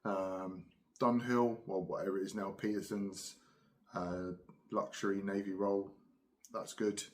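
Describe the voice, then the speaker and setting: Middle-aged southern English man, lowish voice, casual solo chat, musing and unhurried, pausing to puff a pipe. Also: little pitch movement. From Cambridge, England. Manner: unhurried, musing, with pauses between puffs on a pipe. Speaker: pipe-smoking video host.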